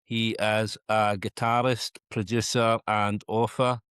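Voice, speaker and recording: Smooth-voiced male podcast host. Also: lowish voice, takes it slowly, no room sound, studio quality. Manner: relaxed, many ums. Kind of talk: casual podcast introduction.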